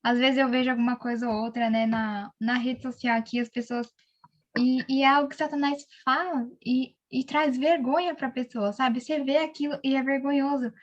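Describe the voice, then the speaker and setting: A young woman with a Brazilian accent telling a faith testimony in casual chat, animated, with many fillers. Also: sits high, normal speed, highs cut off. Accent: Brazilian Portuguese. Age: young adult.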